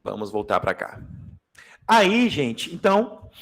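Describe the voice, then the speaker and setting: A man from Brazil teaches a grammar class with a high voice. He is animated and jokey, calling out to his students as he explains. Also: takes it slowly. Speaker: Portuguese teacher. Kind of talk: lively exam-prep class.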